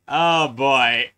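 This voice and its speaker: A reaction video host giving casual live commentary in a halting way, often repeating words and chuckling. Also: mid-range voice, sharp tone.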